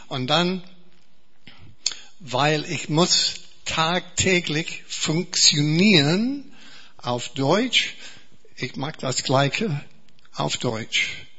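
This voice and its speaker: Preaching in German, this man from England has a bright, breathy voice on the high side, animated yet slow and earnest. He repeats words and starts phrases over, and the audio comes across slightly dull.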